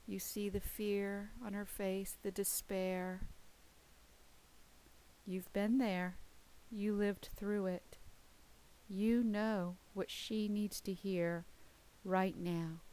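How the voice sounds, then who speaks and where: A woman with a mid-range voice narrates a guided visualization. She speaks very slowly and deliberately, leaving space between short phrases. Her delivery is gentle and soothing, as a meditation leader. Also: mid-range voice, level tone, rough recording.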